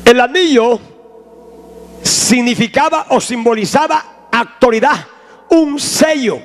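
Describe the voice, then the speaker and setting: Male preacher with a very high voice, slow and shouting, calling for responses. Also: animated. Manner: call-and-response, shouting to the congregation. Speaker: pastor. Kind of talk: sermon.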